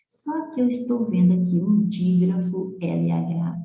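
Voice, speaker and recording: A woman's voice: fairly low pitch, a little slow, vocal fry, mellow. A woman teaching Portuguese, working through phonetics exercises in a methodical way and often checking in with the listener. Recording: dull roomy recording.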